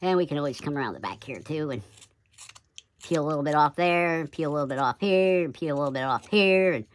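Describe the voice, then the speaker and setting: A man's voice: a little high, lively intonation, quick pace. A man casually talking through a woodcarving demonstration, his voice sped up to double speed into a chipmunk voice, dropping folksy asides like "oop" and "yep". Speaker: woodcarving instructor. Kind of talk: casual step-by-step carving demonstration.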